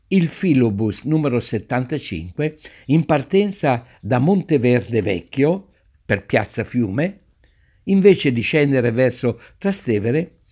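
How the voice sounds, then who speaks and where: A man reads a story aloud with expressive, theatrical phrasing, stretching some lines slow and dropping others soft. His voice sits at an ordinary middle pitch, steady and clear in tone. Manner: expressive, varies pace for effect. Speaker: narrator.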